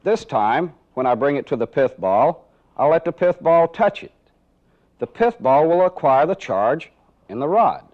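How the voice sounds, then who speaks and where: A very animated man with a high-leaning voice narrates a training film at a measured pace, giving step-by-step instruction during a live demonstration and asking rhetorical questions. The sound is the dull, band-limited audio of a 1980s training film.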